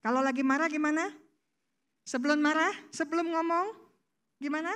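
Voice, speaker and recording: High-voiced woman preaching. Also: fairly even intonation, a little fast, fairly bright tone. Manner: chatty, asks rhetorical questions and answers them. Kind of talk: casual sermon.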